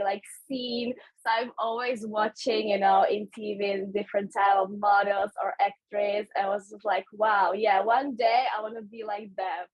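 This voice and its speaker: A young woman in her twenties from the Czech Republic, speaking English with a Czech accent in halting, friendly interview answers and laughing often. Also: mid-range voice, no room sound, rough recording. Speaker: guest, model and actress.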